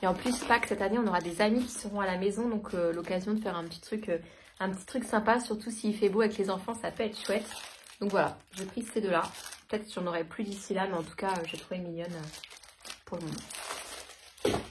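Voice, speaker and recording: A woman's voice: medium pitch, a little fast, background noise. A woman in her thirties chatting casually through a shopping haul, hesitant with many fillers. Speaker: vlogger. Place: home.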